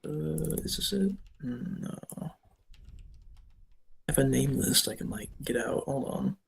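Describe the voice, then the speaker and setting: A man's voice: mid-range voice, slow pace, creaky. Goofy guy player in a tabletop game, teasing, faint hiss on the call. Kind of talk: joking around during a tabletop game. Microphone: voice call mic.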